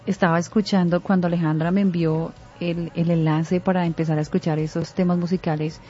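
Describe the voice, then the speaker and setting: A woman, a radio journalist asking a guest questions in a warm, inquisitive manner. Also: on the low side, level tone, a little fast, faint music behind. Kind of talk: interview questions. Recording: dull lo-fi recording.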